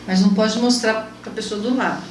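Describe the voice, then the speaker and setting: High-voiced woman host telling a story. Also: fairly quick. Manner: animated, repeats herself, pitch jumps when moved. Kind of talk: emotional personal storytelling in an interview. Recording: echoey room, mic at a distance, faint background hum.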